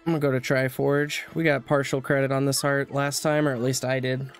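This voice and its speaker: Speaking briskly into a desk mic, a man with a clear, resonant mid-range voice and little pitch movement streams a game while sniffly with a cold. He's chatty, rambling casually and talking to chat as he plays, giving easygoing gameplay commentary over faint music.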